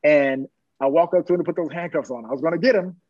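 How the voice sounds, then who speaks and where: A middle-aged man with a husky voice tells stories from his work as a police officer. He is earnest and plain-spoken and chuckles now and then. The recording is dry and dull, with a lo-fi sound. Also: fairly high pitch, fast, no room sound. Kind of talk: personal storytelling in an interview.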